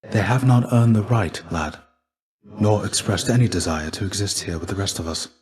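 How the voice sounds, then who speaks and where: The character is a low-voiced, world-weary warrior shade from a video game, played by a male voice actor whose delivery stays close to an everyday voice. His speech carries measured, archaic formality and theatrical weight, and though he guides a younger pupil with a fatherly mentor's gentle earnestness, the mood is grave and guarded.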